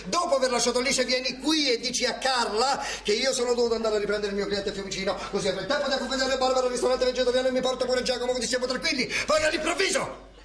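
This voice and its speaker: An actor playing a frantic, scheming taxi-driver husband in a theatrical farce, loud, pleading and exasperated. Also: male voice, very high-pitched, racing. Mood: frantic, bossy. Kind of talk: theatrical stage farce acting. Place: theatre stage, live audience behind. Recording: echoey theatre stage, audience noise.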